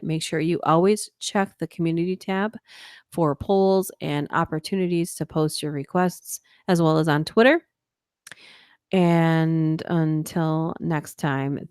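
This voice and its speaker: This livestream host, a woman with a clear, resonant, low-pitched voice, reads ghost stories late at night as her voice wears down and tires. Her steady reading breaks into quick laughing, chatty asides, in studio-quality audio with no echo.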